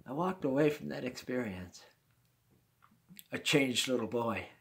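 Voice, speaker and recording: In his sixties, a man with a gravelly, creaky, mid-range voice tells his listeners a personal tale. His delivery is folksy and easygoing, a little slow, expressive, and fairly bright, with chuckling asides along the way.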